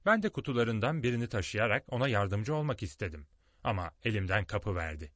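A male narrator reads a storybook expressively and dramatically, with a rather low voice that rises and falls a great deal. His voice is dry and close, recorded in a studio. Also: big pitch swings, fairly quick, a bit bright, no echo. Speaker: audiobook narrator.

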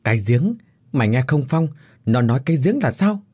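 A man voicing an anxious young official in a horror story, calling out urgently, with a husky voice. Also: mid-range voice, very animated, a little fast. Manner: shouting, anxious. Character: young male official, anxious and quick-thinking.

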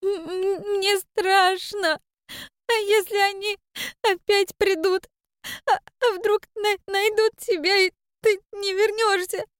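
Sobbing little girl, very high tearful voice, stammering pleas, dry close sound. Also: normal speed, no echo. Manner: stammering through tears, pleading. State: crying.

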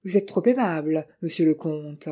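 A reader voicing a cultured gentleman thief who speaks politely with dry irony. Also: medium pitch, moderate pace, lightly acted. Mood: courteous. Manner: polite, dryly ironic. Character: suave cultured gentleman thief, ironic and calm.

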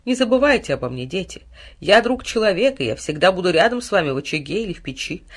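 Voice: medium pitch, quick pace. Boisterous, sly male Fire spirit in a fairy-tale audiobook , voiced by the narrator. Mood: warm promising. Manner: loud, excitable, sharp-tongued.

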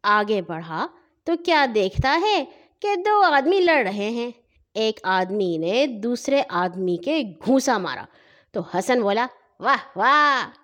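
Animated woman reading a children's story. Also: on the high side. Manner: expressive, sing-song storytelling.

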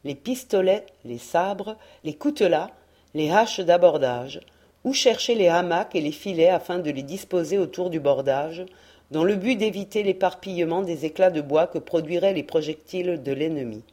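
A woman narrating a historical adventure novel in a measured, expressive reading voice. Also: on the low side. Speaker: audiobook reader. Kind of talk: scripted narration.

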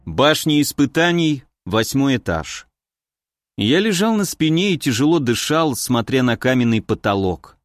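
A man narrates a fantasy audiobook in a steady, even way. His pitch sits in the middle range. The recording is dry and close, with no room sound. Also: measured pace, no room sound.

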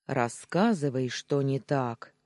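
A woman voicing a confident, protective young man who talks in a low purring tone. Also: expressive, slow, a little mellow, dry recording, studio quality, heavily acted. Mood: commanding.

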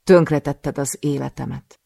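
A vengeful young woman assassin in an audiobook thriller, as a male reader puts her on, shouting with raw anger. The voice is gravelly and recorded close and dry. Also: fairly high pitch, steady tone, no echo. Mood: furious.

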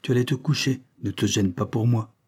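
A cold, unyielding convict speaking with grim resolve, as a narrator puts him on. The voice is mellow and husky, a touch raised and forceful. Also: male voice, mid-range voice, brisk, lightly acted. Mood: menacing. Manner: hard, inflexible. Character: cold vengeful escaped convict man.

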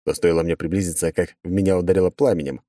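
A man reading a first-person audiobook in a brisk, wry storytelling manner on a close mic. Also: sits low, fairly even intonation, mellow, no echo. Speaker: audiobook narrator.

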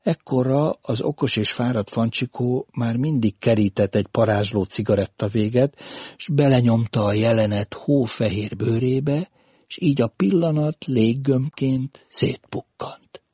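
A man narrates a literary story in a measured, deliberate audiobook reading. His tone is warm and mellow with a slightly husky edge. The recording is dry and close, with no room sound. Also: mid-range voice, no echo.

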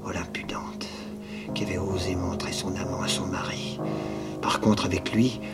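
A man reading a novel on the radio. His narration keeps sinking into a low whisper. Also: flat delivery, normal speed. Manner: narration dropping often to a low whisper, jealous outbursts in dialogue. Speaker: actor reading a novel aloud. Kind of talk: dramatized literary reading on radio. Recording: archival radio broadcast with music behind.

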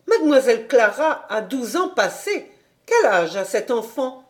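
Lady reading as a stuffy stern governess, kinda high voice, sharp and easily scandalized, storybook. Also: sing-song, unhurried. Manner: sharp, indignant questioning. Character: stern prim governess, middle-aged woman, easily scandalized.

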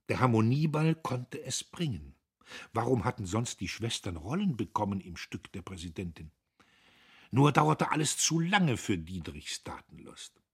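A man with a husky voice narrating a classic novel as an audiobook, in an expressive, theatrical reading. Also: lowish voice.

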